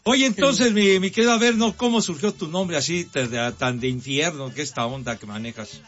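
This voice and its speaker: A man's voice: on the high side, normal speed, a bit bright. A middle-aged man with a Mexican accent hosting radio in playful slang, teasing and mock-grandiose. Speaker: radio host. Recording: slightly dull radio sound.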